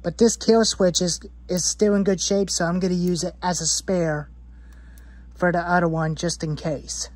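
A woman's voice: lowish voice, steady tone, moderate pace, a little mellow, no room sound. A woman in her twenties, rambling about saw parts, repeating herself and listing items in a cluttered garage. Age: 20s. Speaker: chainsaw hobbyist vlogger. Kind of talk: rambling show-and-tell in a workshop.

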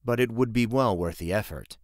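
Man doing a calm, quiet father. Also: on the low side, brisk, no echo, clean studio sound, natural voice.

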